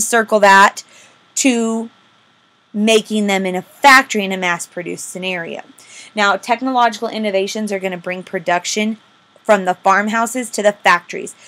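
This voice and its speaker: A woman teacher, giving a recorded lecture, asking the class questions and then answering them herself, slowing down on key terms. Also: mid-range voice. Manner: slows down to stress key terms. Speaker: history teacher.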